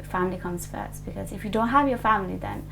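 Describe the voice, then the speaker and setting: A woman's voice: medium pitch, quick pace, creaky, a bit bright, faint music behind, poor audio. A woman in her twenties from Nepal, answering an oral history interview hesitantly, with many fillers and restarts. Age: 20s.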